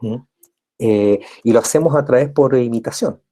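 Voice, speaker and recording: In a recorded university lecture, a man explains step by step, repeating and rephrasing points and constantly checking in with his listeners through tag questions. His voice is medium-pitched and warm, at a normal speed.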